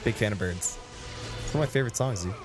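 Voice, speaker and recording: Low-voiced young man streaming a game. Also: fast talker. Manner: rambling, chatty, talks to his chat. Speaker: Twitch streamer. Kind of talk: casual gaming livestream commentary. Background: game music.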